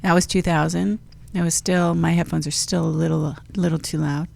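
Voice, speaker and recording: A woman's voice: sits low, steady tone, a little fast, creaky, darkish tone. A woman hosting a radio talk show in a studio, chatting casually and rambling with light jokes. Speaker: show host. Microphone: studio mic with headphones.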